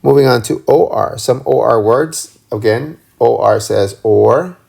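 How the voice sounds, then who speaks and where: Slow gravelly-voiced man teaching phonics. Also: mid-range voice, darkish tone. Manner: slow, drawn-out sounding out of letter sounds. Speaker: reading teacher. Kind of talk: phonics lesson.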